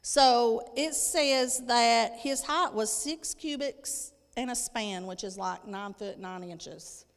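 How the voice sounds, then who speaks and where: A woman in her thirties preaches from a lectern on an indoor church stage, reading scripture and explaining it emphatically while repeating phrases for weight. Her fairly high, gravelly voice moves slowly with few pauses. She uses a handheld mic in an echoey hall with long reverb.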